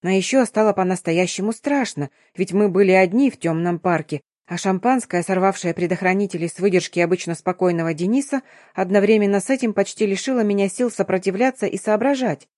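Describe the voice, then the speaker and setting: A woman narrating a first-person audiobook in an even, measured reading. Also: medium pitch, dry recording, studio quality.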